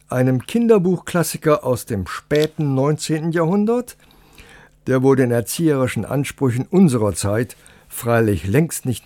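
A man's voice: fairly high pitch, a little mellow, dry recording. A man presenting a scripted introduction as a radio host.

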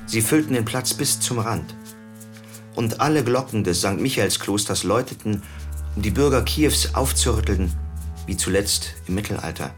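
A man reading a scripted first-person narration in a calm, measured way. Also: on the low side. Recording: narration over music. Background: music.

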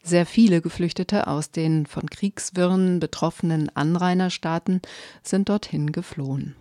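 A woman presenting a radio magazine show in a clear, measured announcing manner from a radio studio. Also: lowish voice, fairly even intonation, warm tone, dry recording. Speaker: radio host.

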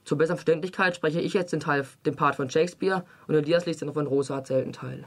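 A young man reviewing a book, reading passages and then talking about it. His voice sits a little high and he moves along at a fast clip. His reading is brisk and even. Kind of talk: reading a novel excerpt aloud, then casual review chat.

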